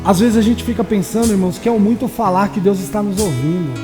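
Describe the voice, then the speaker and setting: A male pastor preaching a sermon with passion, swinging between loud declarations and soft, low asides. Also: fast talker, in a large hall, music in the background. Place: church.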